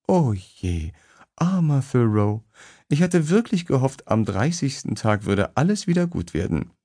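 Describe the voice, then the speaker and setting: A man voicing a bubbly, teasing young woman in an audiobook, lifting his voice higher and speaking in a lively, playful way. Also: unhurried, slightly rough. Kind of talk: audiobook character voice.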